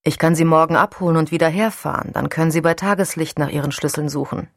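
Lady reading as a quiet guy, calm and patient, low husky voice, dry sound. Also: fast, no room sound. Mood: gentle. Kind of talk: audiobook dialogue.

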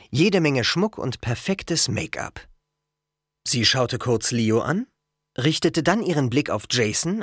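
An audiobook narrator reads slowly and steadily, with a lively melody that rises and falls through each sentence. The voice sits dry and close to the microphone, with no room sound. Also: mid-range voice, husky, no echo. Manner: measured, storytelling. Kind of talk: scripted narration.

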